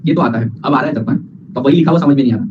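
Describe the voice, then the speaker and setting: A male teacher giving a lively lecture, mixing Hindi and English and acting out students' replies. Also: mid-range voice. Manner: fast, playful, mixes Hindi and English, acts out students. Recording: lo-fi with background hiss.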